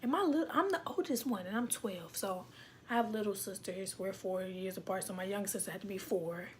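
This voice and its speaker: A woman's voice: mid-range voice, a little fast, slight background noise. A young woman vlogger tells a story dramatically, acting out voices and dropping into whispered asides. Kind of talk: animated storytelling.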